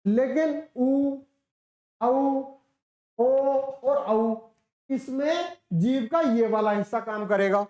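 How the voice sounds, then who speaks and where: Speaking extremely slowly in a slightly high, somewhat mellow voice, a female teacher lectures a class in a reverberant space. She works through the material step by step, answers her own questions, and stretches out sounds to show them.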